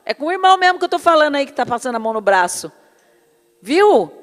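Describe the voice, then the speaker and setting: A woman's voice: sits high, sing-song, fast talker, long reverb tail. A woman preaching a sermon with personal testimony, fervent and calling her listeners brothers and beloved.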